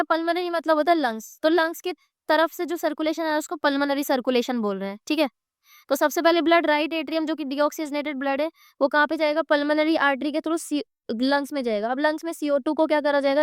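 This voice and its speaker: A high-voiced woman with an Indian accent teaches an exam-prep lecture, her throat a little sore. She keeps asking her students questions and answers them herself as she draws diagrams. The sound is dry and close, with no room around it. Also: no echo. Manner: quizzing students with repeated questions; drawing on a board while explaining.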